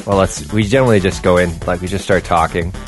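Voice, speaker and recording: A man's voice: low-pitched, steady tone, fast talker, faint music behind. A man hosting a casual podcast, chatting in a joking, teasing, sweary way. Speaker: podcast host.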